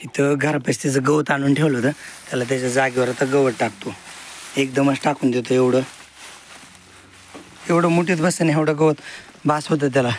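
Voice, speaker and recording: A man's voice: mid-range voice, steady tone, moderate pace, pauses often, a little hiss or hum. Man, outdoors on a farm. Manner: explains his fields and animals to the camera while working. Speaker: farmer vlogger. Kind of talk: casual farm vlog narration.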